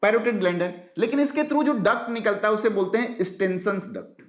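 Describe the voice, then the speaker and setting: A man with a noticeably high-pitched voice delivers an exam-prep biology lecture, posing quick rhetorical questions and answering them himself. He repeats key terms slowly and drops English science vocabulary into his speech. The sound is roomy, with a clear echo off the walls. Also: expressive. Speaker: biology teacher.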